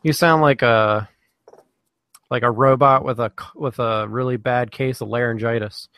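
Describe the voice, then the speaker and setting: A man hosting a live podcast in casual chat, halting with many fillers and restarts. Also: mid-range voice, fairly even intonation, fairly bright tone, no room sound. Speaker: podcast host.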